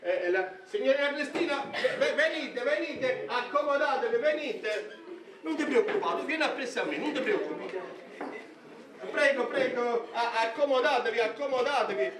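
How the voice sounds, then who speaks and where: A man's voice: extremely high pitch, lively intonation, moderate pace, a crowd in the background. A man playing a flustered, fawning matchmaker in a stage comedy, stammering and insistently repeating his phrases. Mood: coaxing. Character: flustered, coaxing middle-aged matchmaker, fawningly polite. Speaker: stage actor. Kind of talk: live Italian stage comedy acting. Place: indoor theatre stage with audience. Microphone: far camera. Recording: roomy theatre stage, distant microphone, audience noise.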